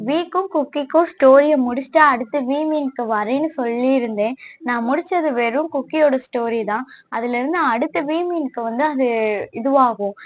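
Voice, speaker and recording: A young woman storyteller who chats directly with her listeners and then narrates a fan story. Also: high-pitched. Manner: chatty, addresses listeners directly. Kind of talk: casual chat and story narration.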